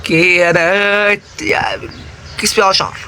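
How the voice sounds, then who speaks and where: Man, Egyptian Arabic accent, let's-play gamer, panicky high shrieks, noisy recording. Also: steady tone, a little slow, pushed and bright. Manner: jumpy, panicky, bursts into high shrieks when scared. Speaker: gaming YouTuber. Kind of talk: Minecraft let's-play commentary.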